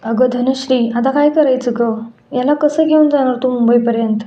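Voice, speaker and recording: A woman voicing a worried older aunt who speaks in a hushed voice. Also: high voice, steady tone, normal speed, lightly acted. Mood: hushed worry. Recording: echoey room, dull sound, faint music.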